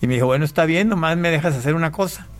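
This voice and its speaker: Halting Panamanian-born pastor in studio. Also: male voice, a little high. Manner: halting, restarts phrases, storytelling. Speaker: pastor, radio guest. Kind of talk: conversational testimony. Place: radio studio. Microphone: studio microphone.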